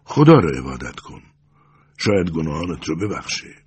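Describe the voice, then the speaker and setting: Stern old hermit monk, voiced by a male reader, calm and quiet, deep, husky, storybook reading. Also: full character voice.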